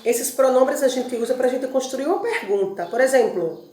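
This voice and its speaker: Woman teacher with a Brazilian accent, slightly high voice, deliberate patient delivery; reverberant room sound. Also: expressive, mellow, a little hiss or hum. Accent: Brazilian Portuguese. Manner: slow, deliberate drilling of verb forms and lists; explains patiently, asks rhetorical check-ins. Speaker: Spanish teacher. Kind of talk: recorded classroom review lesson.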